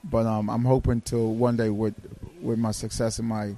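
Animated stammering guest comedian, a man. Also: fairly low pitch, normal speed. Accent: New York. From Brooklyn, United States. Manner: animated, stumbling restarts. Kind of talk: casual podcast chat.

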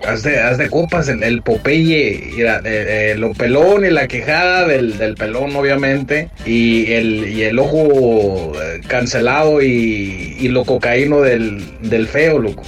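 A man's voice: medium pitch, animated, slow pace, soft background music. A man doing a rambling, slangy comic radio bit. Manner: rambling and slangy, says "loco" often.

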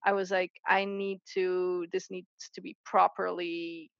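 A Dutch woman, a guest artist in a casual interview, speaks in a lowish, level, creaky voice on a dull recording with no echo. She's chatty, with many restarts and fillers and quick laughs.

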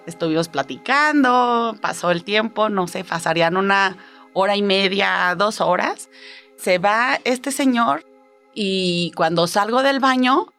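A woman with a Mexican accent tells a personal story in an expressive, chatty way, with a voice of middling pitch. She keeps tossing in little questions to the listener, and soft music plays faintly behind her. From Guadalajara, Mexico. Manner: expressive, conversational, lots of tag questions. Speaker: storyteller guest.

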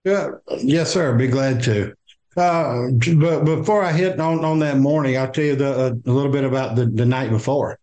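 Halting older Southern man, interviewee. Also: medium pitch, dark tone. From American South. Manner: halting, many fillers and restarts. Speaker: guest. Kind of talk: interview, personal account.

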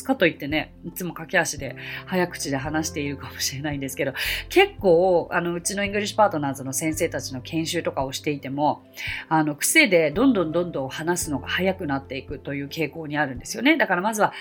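A woman's voice: fairly low pitch, a bit bright. A woman hosting an English-lesson podcast, reading listener messages in a polite, cheerful way and mixing in spoken English phrases. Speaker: English teacher and podcast host.

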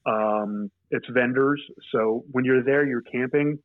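A young man, a podcast guest, telling stories in a halting, rambling way with many restarts. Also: medium pitch, no room sound, narrow, tinny audio. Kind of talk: casual storytelling.

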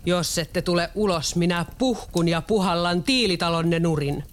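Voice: medium pitch, close to an everyday voice. A sly taunting wolf, as the storyteller puts him on. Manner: taunting, drawn-out threats. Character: sly boastful big bad wolf. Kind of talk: storybook read-aloud.

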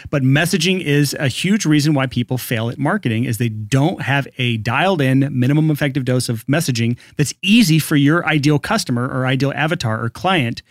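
A man co-hosting a podcast, blunt and teasing with deadpan jokes. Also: medium pitch, brisk, few pauses, no echo, clean studio sound. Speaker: podcast co-host. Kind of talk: casual podcast chat.

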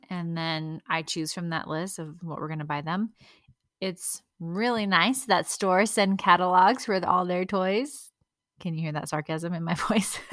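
A woman's voice: on the low side, fairly bright tone, dry recording, studio quality. A woman in her thirties, a mother of several kids, hosting a casual solo podcast and sharing practical tips in a chatty way with small laughs. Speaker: podcast host.

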